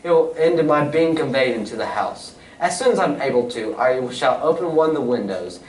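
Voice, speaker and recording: A man playing Sherlock Holmes as a shrewd, commanding Victorian gentleman detective, speaking precisely and theatrically in a radio-style stage play. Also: mid-range voice, lively intonation, a little fast, natural voice. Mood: brisk instructing. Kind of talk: old-time radio drama acting on stage. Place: community playhouse stage. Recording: roomy, distant stage recording, faint noise.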